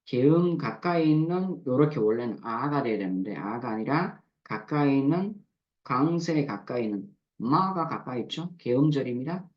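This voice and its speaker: A man teaching a grammar lesson, patiently breaking words into syllables and repeating them slowly for drill. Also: mid-range voice, animated, dull audio. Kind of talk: recorded lecture explaining verb forms.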